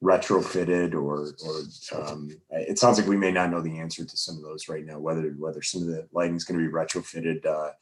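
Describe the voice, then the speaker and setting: A man's voice: very deep voice, flat delivery, a little fast, hardly any pauses. A man on a planning commission, speaking remotely over a call, friendly and rambling with many uhs. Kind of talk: public meeting discussion. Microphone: remote call connection.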